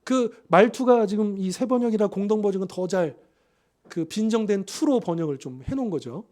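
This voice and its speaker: Guy pastor preaching, talks to the people like a chat, highish mellow voice. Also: lively intonation, a little fast. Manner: conversational, asks the congregation rhetorical questions. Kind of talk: sermon.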